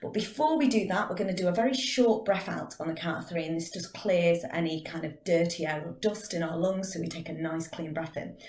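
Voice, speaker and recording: A woman drama teacher guides a vocal warm-up, calmly counting out the breaths. Her voice sits a little low and carries an echo from the room around her. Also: brisk, few pauses. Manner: calm, counting out breathing exercises. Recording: echoey room.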